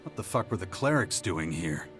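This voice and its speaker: A man's voice: low voice, very animated, normal speed, fairly bright tone, soft background music. A man playing a blunt, distrustful fighter chafing under orders in a video game, terse and sardonic. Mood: wary, sardonic. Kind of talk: video game dialogue acting.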